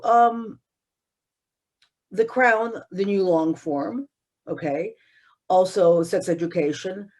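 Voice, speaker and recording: A woman's voice: medium pitch, darkish tone. A woman with a Chicago accent interviewing a guest, asking rambling, loosely phrased questions. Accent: American, Chicago. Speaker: professor, interviewer.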